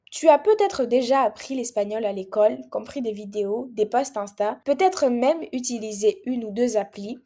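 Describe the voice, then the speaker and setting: A young woman from Mayotte, a language coach, speaking straight to the viewer in a persuasive pitch video. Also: dark tone. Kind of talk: direct-to-camera pitch video.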